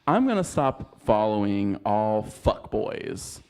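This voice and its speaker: A man's voice: lowish voice, big pitch swings, takes it slowly, darkish tone, smooth. A man co-hosting a podcast, ranting casually with a sassy, profane edge. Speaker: podcast co-host. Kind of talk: casual chat.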